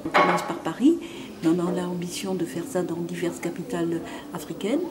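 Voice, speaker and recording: A woman's voice: lowish voice, fairly even intonation, fairly quick. A woman, a fashion designer, speaking measuredly with frequent fillers in an interview. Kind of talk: interview testimony. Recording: noisy ambience behind.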